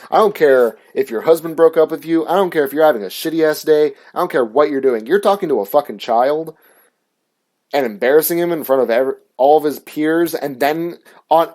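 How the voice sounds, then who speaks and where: A man's voice: a little high, a little mellow. A young man hosting his own show, telling a story in a casual, aggrieved rant full of swearing and filler words. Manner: profane, filler-heavy, aggrieved. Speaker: show host.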